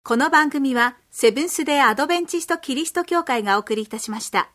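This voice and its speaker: A woman's voice: sits high, quick pace, fairly bright tone. A woman making polite, formal scripted radio announcements.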